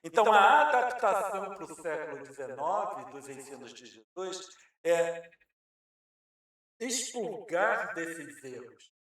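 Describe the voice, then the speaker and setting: A man's voice: a little high, very animated, slow pace, a bit bright. A man with a Brazilian Portuguese accent giving a Spiritist lecture to an audience, explaining patiently and posing rhetorical questions he then answers. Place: lecture hall. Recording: very echoey hall, mic far off.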